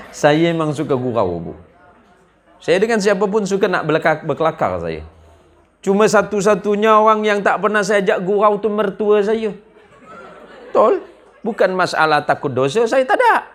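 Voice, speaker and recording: A man's voice: sits high, big pitch swings, moderate pace, long pauses, some chatter behind. A man from Indonesia, preaching a humorous sermon to a village gathering, telling jokes and acting out the voices in his stories. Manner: joking storyteller, acts out dialogue voices.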